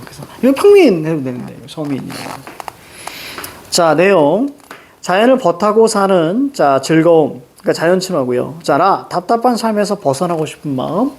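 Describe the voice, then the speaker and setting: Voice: mid-range voice, a little hiss or hum. A literature teacher giving a classroom lecture, reciting poem lines in a sing-song lilt and checking in with students through short questions and casual asides.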